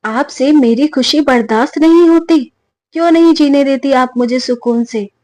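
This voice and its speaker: A woman voicing a sharp-tongued young wife who scolds her mother-in-law in a storybook tale. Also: slow, dry recording. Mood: angry scolding. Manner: scolding, shrill when angry.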